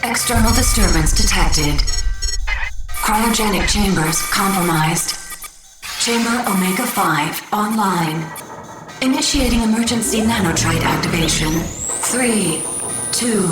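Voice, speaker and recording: A slow echoey ark computer booting up. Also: female voice, mid-range voice. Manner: flat, measured status readouts. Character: calm female computer voice of a survival ark. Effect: automated system announcer booting up. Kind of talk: video game voice acting. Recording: echoey chamber with loud music.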